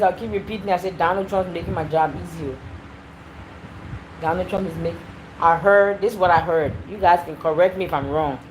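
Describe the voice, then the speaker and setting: A woman hosting a casual livestream, chatty and animated as she talks straight to her viewers. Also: mid-range voice, slight background noise, rough recording. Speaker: livestream host. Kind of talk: casual live-stream chat.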